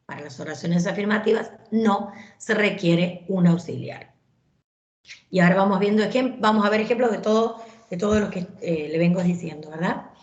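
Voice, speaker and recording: A woman teaches an English grammar class at a moderate pitch. She explains step by step, checking in with her students through frequent tag questions and fillers. Her voice rings in an echoey room. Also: moderate pace, lo-fi sound. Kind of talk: online class lecture.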